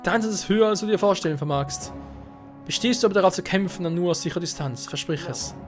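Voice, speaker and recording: A man voicing a calm, gentle young woman who is a mother, reading game dialogue aloud in a let's play. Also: sits high, fast talker, faint music behind, pitched above the performer's own voice, natural voice. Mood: earnest.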